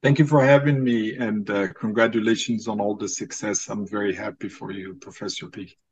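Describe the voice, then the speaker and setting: A man in his forties from Morocco, a native Arabic speaker, introducing himself as a podcast guest in a measured way with frequent ums. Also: lowish voice, steady tone, poor audio. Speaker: podcast guest, former student. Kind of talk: casual interview.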